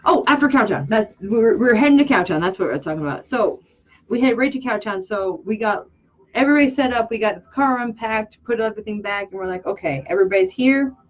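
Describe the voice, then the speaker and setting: A woman hosting a casual livestream chat, rambling excitably and losing her train of thought. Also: mid-range voice, fast. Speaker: channel host and makeup artist. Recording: dull lo-fi sound.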